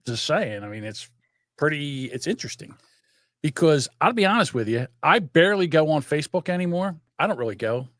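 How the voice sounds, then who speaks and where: An older man from South Jersey co-hosts a podcast, rambling through stories with profane, animated energy in casual chat. His voice is on the high side and fairly quick. The studio-quality recording has no echo.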